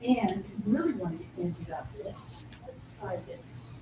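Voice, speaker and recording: A woman founder giving a business pitch and walking the audience through a live demo, explaining things step by step. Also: lively intonation, moderate pace, noisy background. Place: event room at a startup pitch night. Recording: echoey room from far off.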